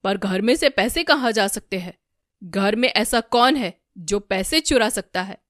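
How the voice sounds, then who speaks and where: A woman's voice: mid-range voice, animated, measured pace, fairly bright tone, no room sound, clean studio sound. A woman voicing a worried older father-in-law in a cartoon family drama.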